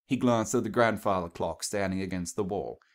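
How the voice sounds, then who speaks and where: A man with a lowish voice narrates a work of fiction at a moderate pace. His reading is scripted storytelling, delivered sentence by sentence.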